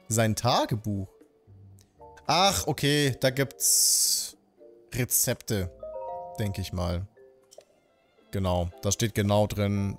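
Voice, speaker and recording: Male let's play host, thirties, casual and slangy, animated delivery over game music. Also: mid-range voice. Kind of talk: casual gameplay commentary. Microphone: desk microphone close to the mouth.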